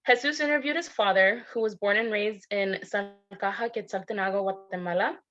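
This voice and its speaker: A young woman giving a class presentation, reading summaries with small asides. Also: medium pitch. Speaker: student presenter. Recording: dull lo-fi audio.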